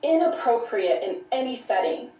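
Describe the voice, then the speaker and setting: A woman telling a personal story of abuse in an earnest, measured way, as a guest in a conversation. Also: a little high, very animated, far from the mic, crowd noise. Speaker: podcast guest. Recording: echoey room, off-mic.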